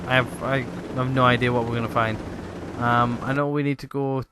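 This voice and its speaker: A man's voice: medium pitch, little pitch movement, brisk, noisy background. A man rambling through let's play commentary with many fillers, hiccuping and a tired voice. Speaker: gaming YouTuber.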